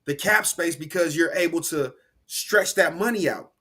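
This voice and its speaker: A man with a slightly high voice talks football on a podcast, animated and slangy. He rambles, restarts his sentences and keeps the chat loose and casual. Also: normal speed. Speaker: podcast co-host.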